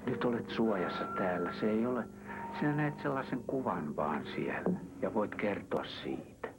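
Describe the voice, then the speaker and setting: A man guiding someone under hypnosis with calm, coaxing questions, sometimes dropping to a hush. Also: on the low side. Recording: session audio with clear background noise.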